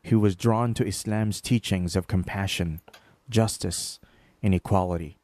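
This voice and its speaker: A man narrating a short documentary profile in a measured, scripted voice-over. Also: sits low, a little mellow, no echo.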